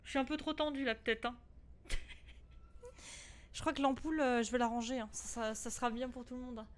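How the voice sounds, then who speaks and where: A woman's voice: fairly high pitch, steady tone, quick pace, slight background noise. A young woman giving nervous, jumpy let's-play commentary on a horror game, swearing and laughing anxiously. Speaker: gaming streamer.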